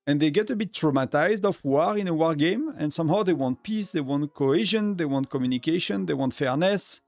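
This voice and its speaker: A man's voice: fairly high pitch, fairly quick, a little mellow, no echo, studio quality, soft background music. A man with a French accent, whose first language is French, chatting casually on a live game stream, rambling with many fillers and restarts. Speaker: gaming streamer.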